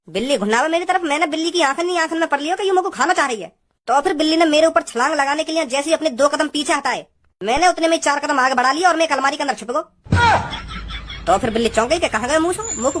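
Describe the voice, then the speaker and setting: A woman's voice: high voice, close to an everyday voice. [name], a woman voicing a cocky tiny cartoon man. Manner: boastful rambling storyteller, brash. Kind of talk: cartoon voice acting.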